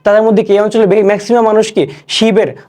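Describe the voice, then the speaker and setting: A young man teaching an online class, explaining each word slowly and repeating questions and answers. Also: sits high, level tone, a little mellow. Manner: recites poem lines slowly.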